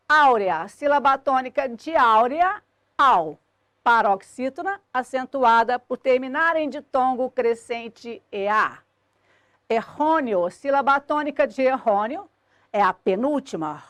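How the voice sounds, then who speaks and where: A woman teaching a recorded grammar lesson, slowly spelling out syllables and word endings. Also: high-pitched, a bit bright, no room sound. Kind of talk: recorded video lesson at a board.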